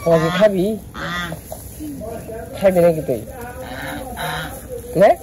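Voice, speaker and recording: A woman's voice: on the low side, slow, crowd noise. A woman chatting casually in a village vlog, calling animals and teasing children in a coaxing way. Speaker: vlogger.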